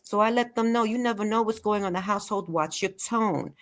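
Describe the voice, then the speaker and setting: A woman guest on an interview show, talking persuasively and animatedly, firing off rhetorical questions and sometimes slowing her voice on purpose. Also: mid-range voice. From Latin American heritage. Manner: animated, asks rapid rhetorical questions, deliberately slows her voice at times. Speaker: guest, care and virtual assistant business owner.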